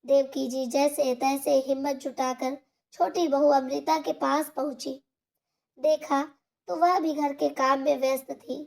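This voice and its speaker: A woman narrating a scripted moral story in a slow, even storybook reading style. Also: high voice, creaky.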